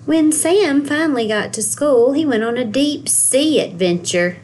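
This woman has a high voice, and the recording carries a little hiss or hum. Working as a school guidance counselor, she reads a picture book to young children with lots of expression, breaking off to ask them questions.

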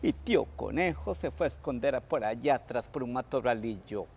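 A man's voice: medium pitch, animated, normal speed, gravelly, darkish tone, husky. A middle-aged Costa Rican man telling a folk tale to children, dramatic and full of sound effects. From Costa Rica. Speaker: children's author, guest storyteller.

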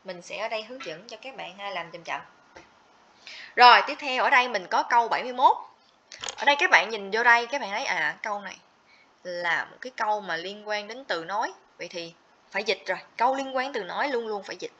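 Woman, livestream teacher, checks in with students, sharp tone, muffled recording. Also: medium pitch, animated, brisk. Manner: explains step by step, checks in with students often. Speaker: TOEIC teacher. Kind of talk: livestream grammar lesson. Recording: slightly dull lo-fi audio.

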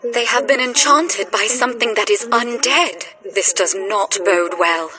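A woman playing a gentle, earnest fairy guardian in scripted fantasy game dialogue, speaking formally and with measured care. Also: on the high side, lightly acted. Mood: worried, pleading. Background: game music.

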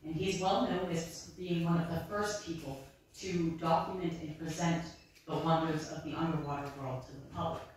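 A maritime archaeologist in her thirties gives a friendly, chatty public lecture with slides in a library room lined with bookshelves, speaking to the audience directly through a handheld mic. Her low, darkish voice moves at a moderate pace with fairly even intonation. The room is very echoey, her voice sounds distant, and there's slight background noise.

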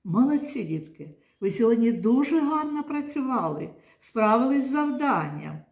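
A woman teaching young children, speaking in a slow, patient, coaxing way. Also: a little high, very animated, darkish tone, echoey room. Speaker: primary school teacher. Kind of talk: classroom lesson for young children. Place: classroom.

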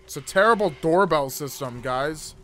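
Streaming a frightening game from his indoor gaming room, this man in his twenties cracks nervous jokes and swears casually at the scares, close to his desktop mic. The voice is somewhat high, expressive, a bit bright, and at normal speed.

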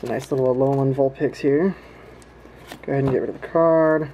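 A man's voice: mid-range voice, fairly even intonation, a little fast, warm tone, lo-fi sound, slight background noise. A man giving casual, laid-back running commentary to viewers in a folksy way, recorded indoors on a home camera. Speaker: host of a trading card pack-opening video. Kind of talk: casual running commentary while opening card packs. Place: indoors at home, hands at a table.

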